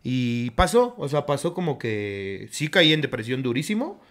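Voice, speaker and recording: A man's voice: medium pitch, big pitch swings, normal speed, fairly bright tone. A young adult man with a Mexican accent co-hosting a casual comedic chat, crude and joking and full of swearing. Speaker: podcast co-host.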